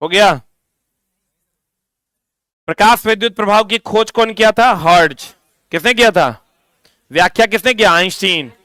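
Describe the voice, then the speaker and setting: This man's high-pitched voice sounds pushed, bright, clear and resonant as he teaches a class in a Bihari accent. The coaching teacher keeps drilling students with repeated questions and scolding them, recorded at studio quality with no echo.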